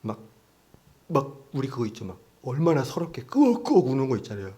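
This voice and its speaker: A man's voice: medium pitch, wildly swooping pitch, a little fast, dark tone. Man preaching conversationally to a congregation. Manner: conversational preaching with acted-out quotes; asks the congregation questions often. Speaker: pastor. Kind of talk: sermon. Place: church.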